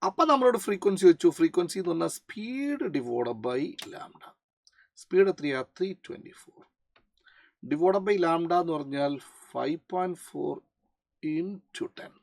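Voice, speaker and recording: A physics teacher with a Malayali accent talks slowly through a problem in a medium-pitched, creaky voice with lively intonation. The explanation switches to English for technical terms and is peppered with short questions to check understanding. The sound is dry, with minimal room echo.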